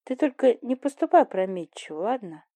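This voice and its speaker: A woman reads an earnest young schoolteacher who cannot make up her mind. Her tone is warm and dark, her delivery hesitant and anxious. The sound is dry and close. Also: a little high, sing-song, brisk, no echo. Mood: worried.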